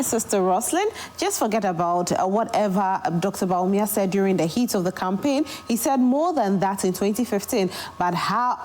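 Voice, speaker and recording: A woman's voice: medium pitch, a little mellow, slight background noise. A woman with a Ghanaian accent, working as a morning show host, reading out viewer messages and commenting briefly in a studio. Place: broadcast studio.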